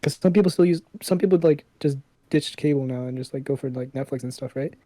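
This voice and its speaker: A man's voice: mid-range voice, quick pace, dark tone, no echo. A young man co-hosting a podcast, chatting casually with many fillers. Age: young adult. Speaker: podcast co-host. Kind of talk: casual chat.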